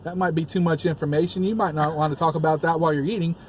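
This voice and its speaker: A man's voice: fairly high pitch, steady tone, racing, a little hiss or hum. A man hosting a casual food review vlog from a car, chatting while chewing, recorded on a dashboard phone. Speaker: vlog host. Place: parked car. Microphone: phone mounted on dashboard.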